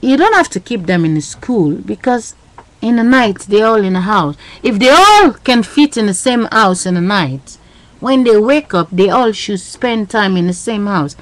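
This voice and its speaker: Speaking at a moderate pace in a medium pitch, an animated woman vlogs through her built-in webcam mic. The audio is poor but has no echo, and her agitated talk rambles and repeats itself in broken, non-native grammar.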